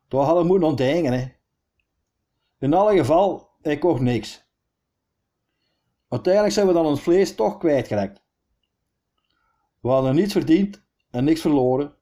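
A Flemish-accented man reading local history aloud, in a measured, dryly wry tone. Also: fairly high pitch, mellow. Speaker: storyteller.

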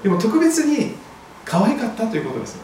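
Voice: mid-range voice, sing-song, brisk, a little mellow, a little hiss or hum. A pastor giving a sermon, telling a scripture story vividly. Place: church hall. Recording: very echoey hall, voice far from mic.

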